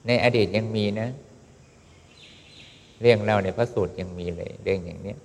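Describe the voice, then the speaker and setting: A calm male preacher gives a Buddhist sermon in a measured, steady way. His voice sits low and speaks straight to his listeners. A long reverb trails behind every phrase. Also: vocal fry.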